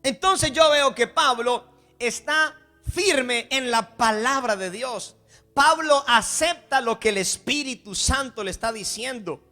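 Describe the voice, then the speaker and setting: A man's voice: very high-pitched, pushed and bright. A man pastor preaching a sermon with passion, acting out the voices of the people he quotes.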